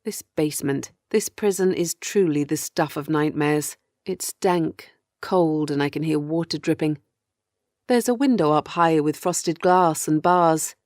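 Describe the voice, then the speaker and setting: A low-pitched woman with a darkish tone narrates a first-person horror audiobook as a thirty-year-old captive recounting her ordeal. Her delivery is measured and grim, weary and afraid, and the mood is bleak and tense. The sound is dry and close, with no room sound at all.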